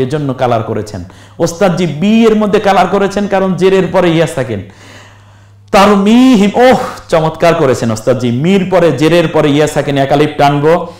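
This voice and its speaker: A man teaching Quran recitation step by step, spelling out letters slowly and now and then chanting a verse in a stretched tone. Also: mid-range voice, darkish tone, roomy sound.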